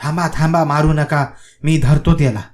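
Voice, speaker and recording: A man's voice: mid-range voice, measured pace, a little mellow, faint music behind, lightly acted. A man playing a shrewd village man who bargains with and orders around a ghost. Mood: commanding. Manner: coaxing, then commanding and wry.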